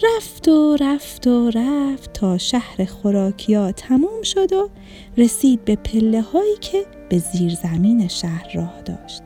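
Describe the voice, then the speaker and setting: A woman narrating a children's story in an expressive, gentle storytelling voice. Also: fairly high pitch, soft background music.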